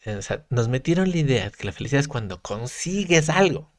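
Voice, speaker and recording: A man's voice: medium pitch, very animated, a little fast, no room sound. A man talking as a guest on a podcast, earnest and reflective, stressing his points as he tells stories from his own life. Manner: earnest, reflective, emphatic storytelling with restarts. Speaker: podcast guest, content creator. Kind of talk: casual podcast conversation.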